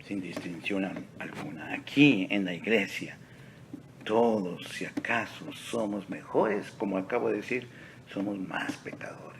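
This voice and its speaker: A male pastor preaching a sermon in a church sanctuary, slow and deliberate, dropping to near-whispers and rising to emphatic peaks. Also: lowish voice, gravelly, slight background noise. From Texas.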